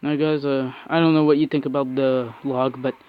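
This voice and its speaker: A man's voice: medium pitch, flat delivery, normal speed, clean tone, phone-quality sound. A man giving frustrated, cursing commentary while opening packs and playing a mobile game. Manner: frustrated ranting with frequent cursing and restarts. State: angry. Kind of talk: angry gameplay commentary.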